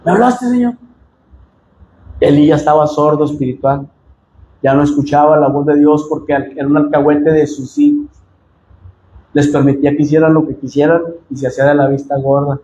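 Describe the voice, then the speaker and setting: Impassioned Mexican pastor, high voice. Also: male voice, completely flat delivery, a little fast, lo-fi sound. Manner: impassioned preaching, often rising to shouts, addressing the congregation directly. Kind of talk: sermon. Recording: echoey room with faint noise.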